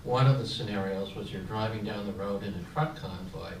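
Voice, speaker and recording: He talks a little fast, his voice on the low side: an older man from San Francisco telling his story as a veteran at a panel discussion. The delivery is reflective, with frequent fillers and restarts. A far-off mic captures echo and room noise.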